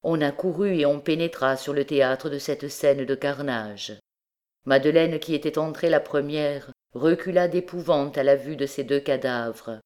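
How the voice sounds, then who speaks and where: A woman reading a classic novel aloud as an audiobook, in a measured, dramatic way. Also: low-pitched, darkish tone. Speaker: audiobook reader. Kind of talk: scripted narration of a classic novel.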